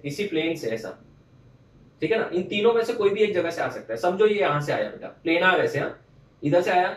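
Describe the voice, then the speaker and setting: Male teacher, fairly high voice, quizzing his class and answering for them; roomy, distant mic. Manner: explains step by step, quizzes the students and answers for them. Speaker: chemistry teacher. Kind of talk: classroom lecture.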